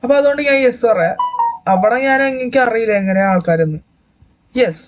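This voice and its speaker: A man's voice: high-pitched, expressive, brisk, lo-fi sound, over music. A young man and YouTube gamer giving chatty, joking let's-play commentary, talking to his viewers as guys.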